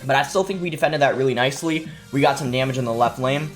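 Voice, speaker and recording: A young male gaming streamer gives fast, relaxed live gameplay commentary from his gaming desk indoors, explaining things with plenty of fillers. His mid-pitched voice is congested from a cold, with a sore throat and stuffy nose, and soft game music plays underneath.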